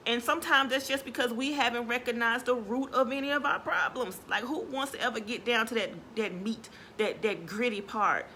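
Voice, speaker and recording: Bright-voiced woman giving a motivational live talk. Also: on the high side, normal speed, hardly any pauses, a little hiss or hum. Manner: earnest, often asks the audience "right?"; greets viewers by name between points. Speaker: motivational speaker hosting a live stream. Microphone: phone or webcam for a social media live video.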